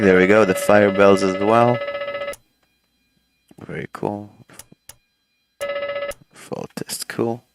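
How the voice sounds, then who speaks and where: Against a noisy background, a low-voiced man with vocal fry chats loosely through cockpit checks on his flight simulator stream. He's an airline pilot, relaxed and full of fillers, and his throat seems a bit swollen.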